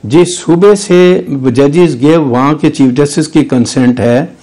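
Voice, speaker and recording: A man's voice: a little high, slow, mellow. An older man with a Pakistani Urdu accent, a lawyer guest arguing legal points in a studio news interview. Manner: argumentative, legalistic, with restarts.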